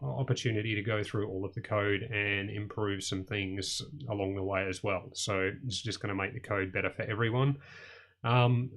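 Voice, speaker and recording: A young man who hosts an electronics channel runs a casual coding tutorial, rambling with lots of ums and sort-ofs. His fairly low voice is slightly hoarse as he loses it.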